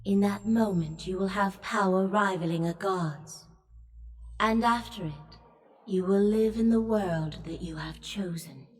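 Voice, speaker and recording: An actress playing a regal, motherly sky goddess in a fantasy game, speaking in a solemn, lofty, measured goddess voice. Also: mid-range voice, a little mellow, recorded from a distance, lightly acted. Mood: solemn, imploring. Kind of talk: fantasy video game voice acting. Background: game music.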